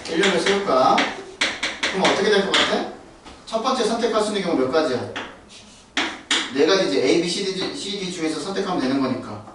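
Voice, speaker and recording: A man's voice: high-pitched, expressive, fairly quick, pauses often. A man teaching a math lesson, questioning and coaxing his students. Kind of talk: classroom lesson. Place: classroom. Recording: far-off echoey noisy classroom.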